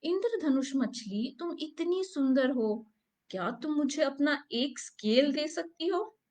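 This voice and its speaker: A woman voicing a small, timid female fish who asks sweetly and softly in a children's story. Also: high-pitched, expressive, slow. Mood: pleading. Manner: soft, pleading.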